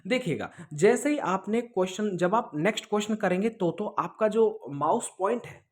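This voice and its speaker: This high-voiced man coaches exam students online, answering their questions in a loose, explanatory style. He repeats himself, uses check-in tags and slips English words into his speech, sounding animated at a moderate pace.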